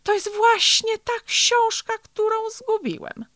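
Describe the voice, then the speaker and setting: A woman's voice: medium pitch, sing-song, slow, a bit bright, no echo, studio quality, full character voice. A woman voicing a small, worried boy turtle who talks in an anxious, plaintive way in a storybook reading. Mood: surprised.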